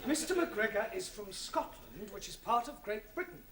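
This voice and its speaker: An exasperated teacher. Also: male voice, high-pitched, big pitch swings, crowd noise. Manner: exasperated, brisk and put-upon. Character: exasperated young man English teacher. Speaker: English teacher. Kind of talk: 1970s sitcom acting. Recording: hissy old TV broadcast.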